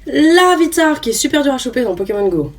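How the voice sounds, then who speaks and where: A woman's voice: medium pitch, lively intonation, rapid-fire, darkish tone, husky. A young woman chatting casually as she opens trading cards, hesitant with lots of fillers, reading each card name aloud. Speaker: YouTuber opening trading cards. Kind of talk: casual unboxing chat. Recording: voice a bit far from the mic, faint noise.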